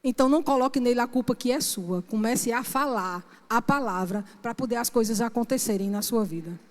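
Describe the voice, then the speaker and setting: A woman's voice: fairly high pitch, a little fast. A woman minister from Brazil, preaching an emphatic sermon and often asking the congregation "Amém?". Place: church sanctuary. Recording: long church-hall reverb.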